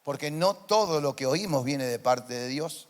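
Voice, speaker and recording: A man with a high voice and a Rioplatense Spanish accent preaches to his congregation. He shifts from hushed, personal asides to soaring, emphatic proclamations. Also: animated, unhurried. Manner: impassioned preaching, swinging from soft to loud declarations. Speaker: pastor. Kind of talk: sermon. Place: church.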